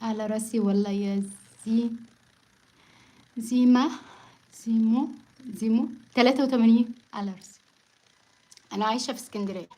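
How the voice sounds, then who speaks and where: A woman's voice: on the high side, steady tone, brisk, pauses often, dark tone. A woman with an Egyptian accent live-streaming from home on her phone, talking back defiantly and sarcastically and laughing often. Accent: Egyptian Arabic. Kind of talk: casual live-stream talk.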